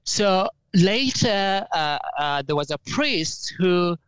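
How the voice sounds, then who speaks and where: A young man with a Ugandan accent, telling his life story as an interview guest in an earnest, halting way with many fillers and restarts. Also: high voice, animated, a bit bright, smooth, no echo, rough recording.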